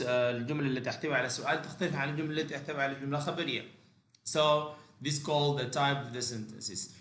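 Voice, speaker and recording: A male language teacher, giving a bilingual lecture and moving between halting English and rapid explanations full of fillers and restarts. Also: medium pitch, fairly bright tone, echoey room.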